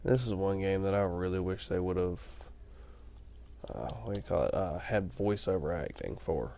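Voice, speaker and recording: A man's voice: low-pitched, moderate pace, gravelly, warm tone, slight background noise. A tired man rambling through casual gameplay commentary, explaining things as he plays late at night. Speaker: let's play commentator.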